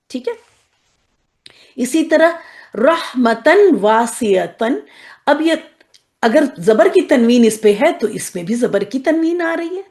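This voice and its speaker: Brief: woman teacher, slow careful drilling. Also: fairly high pitch, darkish tone. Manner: checks in often with "okay?", drills words slowly. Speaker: Quranic Arabic teacher. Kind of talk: explanatory lesson to women students.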